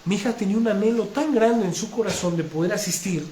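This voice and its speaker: Earnest high-voiced preacher, echoey hall. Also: male voice, fast talker, dark tone. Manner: earnest, heartfelt storytelling with frequent restarts. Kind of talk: personal testimony in a sermon. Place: congregation hall. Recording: echoey room with faint noise.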